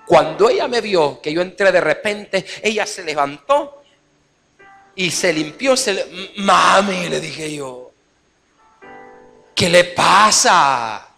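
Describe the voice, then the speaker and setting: A man from Guatemala preaching a Mother's Day sermon as pastor, impassioned, quoting mothers in a lively voice. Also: a little high, moderate pace, big-room sound, soft background music. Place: church service.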